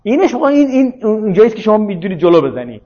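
A man lectures in a loose, conversational way, arguing his points and asking over and over whether his listeners follow. His voice sits fairly high for a man. The recording is muffled and lo-fi. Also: very animated, dark tone. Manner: argumentative, checks listeners follow with rhetorical questions. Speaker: speaker on religion and politics. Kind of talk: informal lecture.

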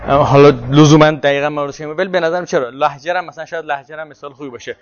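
High-voiced man lecturing in a seminar. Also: fairly even intonation, highs cut off, a little hiss or hum. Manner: explanatory, answers questions. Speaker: teacher.

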